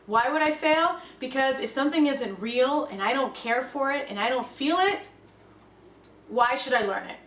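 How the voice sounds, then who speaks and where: A young woman whose first language is Russian talks to camera about language learning, earnest and reflective, with lively emphasis. Her voice is high-pitched and her pace moderate. She was recorded from a distance, off the mic, in an echoey room with faint room noise.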